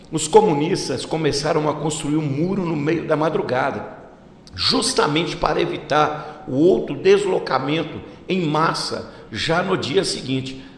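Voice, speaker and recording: A Brazilian man reading a history script as a channel host, stumbling and restarting now and then. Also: fairly high pitch. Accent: Brazilian Portuguese. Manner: reads a script, with slips and restarts. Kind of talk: read-aloud history narration. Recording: echoey room with long reverb, faint hiss.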